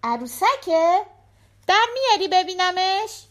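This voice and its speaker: A woman's voice: very high-pitched, very animated, voice pushed up. A woman voicing a small, chatty and earnest girl who talks from behind a locked door, so her voice sounds muffled and distant. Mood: curious. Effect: muffled and distant, as if through a door. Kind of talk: storybook narration with acted voices.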